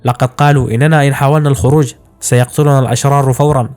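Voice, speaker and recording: A gentle young musician, earnest and soft-spoken, talking at a brisk clip, as a male narrator puts him on. He sounds like a bullied but hopeful boy in an anime story recap. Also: mid-range voice, steady tone, natural voice. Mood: earnest, frustrated.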